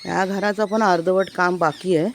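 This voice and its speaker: A woman's voice: on the low side, steady tone, moderate pace, a little hiss or hum. Woman, walking village tour, enthusiastic, keeps saying look, outdoors, handheld phone, birdsong. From Konkan, India. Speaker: vlogger giving a village tour. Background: birds chirping.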